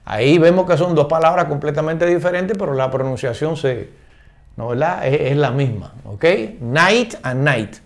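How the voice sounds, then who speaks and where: An older man explaining English words in Spanish, patient and repetitive, slowing down to read English examples and often checking understanding. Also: on the high side. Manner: reads English examples slowly and deliberately. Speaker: English teacher.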